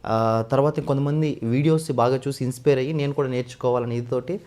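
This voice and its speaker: A man from West Godavari in India, a mimicry artist, telling his story in a casual interview and often addressing the interviewer as sir. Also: medium pitch. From West Godavari, Andhra Pradesh. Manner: fast, animated storytelling with frequent sir.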